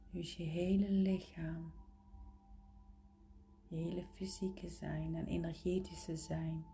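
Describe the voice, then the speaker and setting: Soft, slow, intimate woman guiding meditation. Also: fairly low pitch, flat delivery, gravelly, a little hiss or hum. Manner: slow, soothing, gentle pauses. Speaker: guided meditation leader. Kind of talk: guided relaxation meditation.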